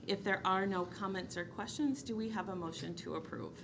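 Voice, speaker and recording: Chairing a city council session, this Minnesotan-accented woman works through agenda items by formal procedure, with plenty of ums. She sounds medium in pitch, brisk and creaky, on a noisy recording from the council chamber.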